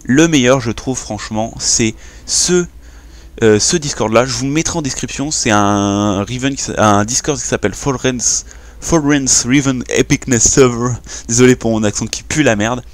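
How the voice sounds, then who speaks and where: A man's voice: mid-range voice, moderate pace. A young man casually talking through a game tutorial, hesitating and restarting often. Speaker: gaming YouTuber.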